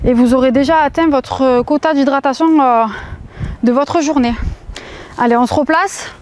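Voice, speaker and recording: A woman's voice: high-pitched, normal speed, a little mellow. A woman leading a workout as fitness instructor, counting reps and urging people on with short, encouraging commands.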